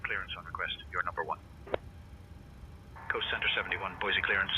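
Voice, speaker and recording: A very deep-voiced male controller comes through the cockpit headset radio, rattling off instructions fast. The transmission carries a clear layer of radio noise. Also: fairly even intonation. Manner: brisk, routine radio delivery. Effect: controller voice heard over the cockpit headset radio. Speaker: air traffic controller.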